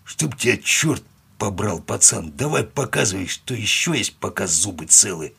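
A man's voice: fairly low pitch, big pitch swings, moderate pace, creaky, sharp tone, slightly rough, full character voice. A man voicing a burly male thug who grunts crude threats. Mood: menacing.

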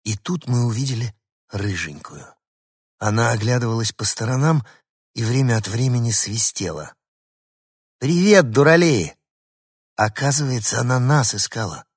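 A man reading a first-person children's story aloud in a lively, expressive way. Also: mid-range voice, normal speed, slightly rough, dry recording, studio quality. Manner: lively, character-voicing storyteller. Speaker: audiobook reader.

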